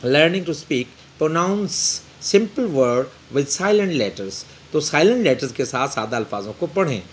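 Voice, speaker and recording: A man teaching an English textbook lesson, reading English slowly and explaining in Urdu with frequent pauses. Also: fairly high pitch, animated, slight background noise.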